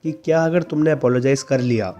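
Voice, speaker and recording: A man voicing a big, gentle high-school boy who talks softly and mildly, calm and apologetic. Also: brisk, faint music behind, natural voice.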